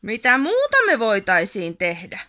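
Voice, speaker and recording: A woman voicing a grumpy troll in a storybook, growling and shouting. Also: mid-range voice, wildly swooping pitch. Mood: eager. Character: grumpy troll, loud and snarling, grumbling. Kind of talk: storybook reading.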